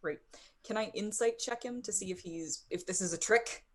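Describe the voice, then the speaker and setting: A woman's voice: medium pitch, moderate pace, background noise. A woman playing a tabletop game, talking casually, partly in character. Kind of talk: casual in-character role-play.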